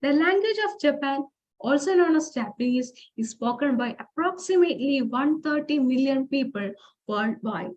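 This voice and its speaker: A woman's voice: sits high, lively intonation, normal speed, darkish tone, dull audio. A woman giving an informal lecture presentation, explaining step by step with fillers and restarts, and reading example phrases aloud. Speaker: forum speaker.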